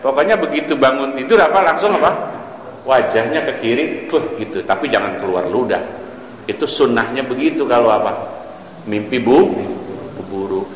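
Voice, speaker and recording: A man's voice: mid-range voice, moderate pace. A man teaching a religious book study, joking and quizzing his audience as he goes. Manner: jokey, animated, quizzes the audience. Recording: echoey hall with light ambient noise.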